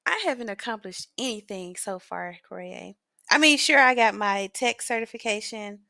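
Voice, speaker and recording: Woman, about 30, podcast guest: bright, high-ish, giggly and self-deprecating, dry close mic. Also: normal speed, creaky, no echo. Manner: laughs often, chatty and self-mocking. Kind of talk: casual chat.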